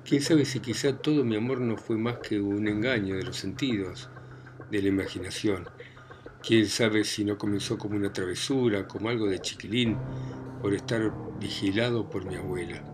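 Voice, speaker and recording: A man's voice: lowish voice, music in the background, voice pushed down, close to an everyday voice. A man reading a tearful young heroine. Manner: pleading, tearful, halting. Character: emotional young woman torn in love. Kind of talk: audiobook reading.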